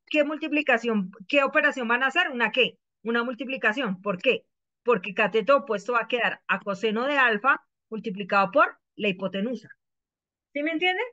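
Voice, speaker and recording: A woman's voice: a little high, pushed and bright, highs cut off. A woman teaching math in an online class, patiently explaining and asking her students questions over and over.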